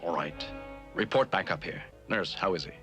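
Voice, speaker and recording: An actor playing a steady starship captain in a seventies television cartoon, authoritative and clipped. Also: male voice, low-pitched, moderate pace. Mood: commanding. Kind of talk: 1970s animated television acting. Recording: old TV soundtrack with loud music.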